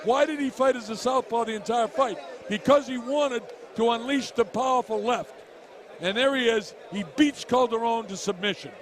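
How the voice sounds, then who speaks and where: A man's voice: very high-pitched, normal speed. A man giving emphatic, explanatory fight commentary, breaking down replays and repeating key points. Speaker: boxing commentator. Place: ringside at an arena. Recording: crowd murmur at ringside broadcast. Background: crowd noise.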